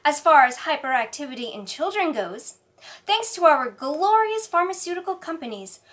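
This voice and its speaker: A woman delivering scripted parody news as an anchor, in a deadpan newsreader manner. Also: sits high, normal speed. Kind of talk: scripted mock newscast narration.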